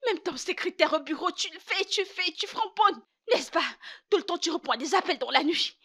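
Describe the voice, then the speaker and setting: Fiery, defiant wife. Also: female voice, very high-pitched, animated, normal speed, bright, forceful tone, exaggerated voice. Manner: heated, repetitive challenges. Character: defiant unfaithful young wife, fiery and stubborn. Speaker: wife in a marriage dispute. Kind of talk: dubbed film drama.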